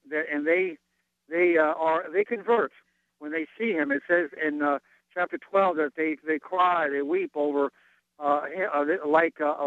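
A man calls in to a radio program, his voice squeezed through a narrow, tinny phone line. He sits a little higher than most men in pitch. He talks haltingly and stops often to search for his words, and the call sounds dry with no room around it. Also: smooth, dry recording. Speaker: radio show caller. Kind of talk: call-in question to a Bible talk show. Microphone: telephone.

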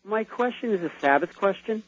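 A man's voice: high-pitched, lively intonation, a little fast, dry recording. A man phoning in to a radio call-in show, asking his question earnestly and hesitantly. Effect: phoned-in radio caller. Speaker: caller. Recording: muffled phone line on radio.

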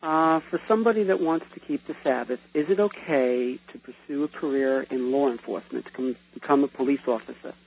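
Gravelly man calling in over a phone line. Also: medium pitch, brisk, hardly any pauses, darkish tone. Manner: earnest, hesitant with fillers. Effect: phoned-in radio caller. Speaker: caller. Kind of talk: asking a question on a call-in show. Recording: muffled phone line on radio.

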